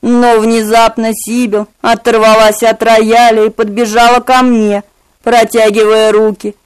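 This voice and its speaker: A woman reading an audiobook aloud in measured, steady scripted narration. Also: fairly high pitch, clean tone, poor audio.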